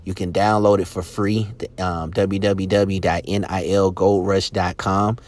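A man's voice: low-pitched, little pitch movement, measured pace, a little mellow, no room sound. A man hosting a podcast about sports agents, ranting passionately with emphatic repetition and frequent restarts. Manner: passionate, emphatic, repeats words and restarts often. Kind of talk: podcast rant.

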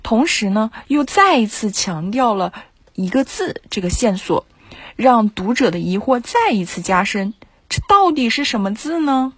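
Husky woman teacher reviewing an essay. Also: on the high side, big pitch swings, fairly bright tone, no room sound. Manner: measured, explanatory. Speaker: writing teacher. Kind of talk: essay commentary.

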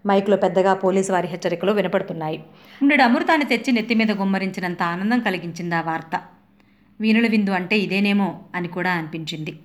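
A middle-aged woman reading a humorous story aloud with dramatic, expressive delivery. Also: mid-range voice, quick pace. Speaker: narrator.

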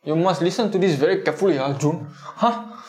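A Singaporean man in a casual chat talks fast in a fairly high-pitched voice with a darkish tone. Using colloquial Singlish with lah and meh, he explains his opinions through rhetorical questions.

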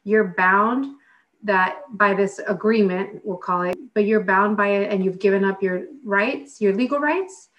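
A woman's voice: medium pitch, unhurried, fairly bright tone, distant mic, muffled recording. A woman giving an unscripted expert explanation in an interview, working through it step by step and often rephrasing. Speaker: interviewed expert, legislative advocate.

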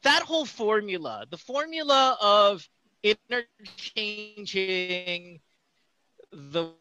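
Animated, bright-voiced man bantering. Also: high voice, slow pace, low-quality recording. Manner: joking, teasing, rambling. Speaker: talk show co-host. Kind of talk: casual panel banter.

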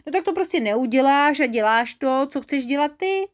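Storybook casting: a woman playing a cheeky little male creature, high and eager. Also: animated.

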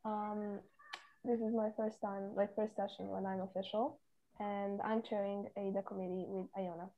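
A woman's voice: mid-range voice, flat delivery, normal speed, phone-quality sound. A teenage woman from Serbia, a committee chair answering interview questions with hesitant, filler-filled speech. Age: teens.

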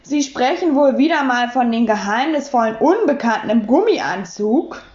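Lady doing a calm skeptical cop, talks slow and dry, echoey dull room. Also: a little high, lightly acted.

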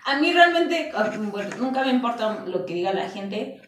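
A Mexican woman with a slightly high voice chats as a podcast guest, rambling and full of fillers. She sits back from the mic, and her voice rings around a very echoey room with a faint hiss. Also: big pitch swings, moderate pace, a bit bright, recorded from a distance. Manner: chatty, many fillers like "o sea". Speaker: guest youtuber. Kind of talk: casual podcast chat.

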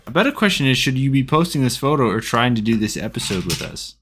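A young man in casual podcast banter. His pitch sits in the middle but swings widely as he speaks. He rambles, stopping and restarting his sentences. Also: very animated, quick pace, a bit bright, slight background noise. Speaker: podcast co-host. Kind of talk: casual chat.

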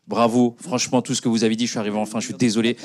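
A man's voice: medium pitch, level tone, rapid-fire, darkish tone. A man in the audience giving emotional, effusive thanks to a panel. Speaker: audience member.

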